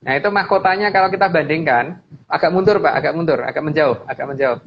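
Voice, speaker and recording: A guest speaker with an Indonesian accent explains slides informally, emphatically repeating his phrases in a fast, higher-pitched voice with vocal fry. The recording is dull, lo-fi, and noisy in the background.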